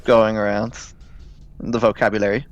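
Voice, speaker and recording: A man with a fairly low voice chats casually as a guest. He agrees often and restarts his sentences as he thinks. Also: level tone, moderate pace, muffled recording. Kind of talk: casual chat about competitive games.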